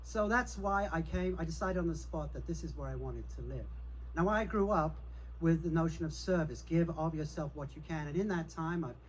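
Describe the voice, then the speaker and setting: A man's voice: on the high side, moderate pace, breathy edge, low-quality recording. A middle-aged man gives a confident, personable campaign speech as a city council candidate. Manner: confident, personable, self-assured.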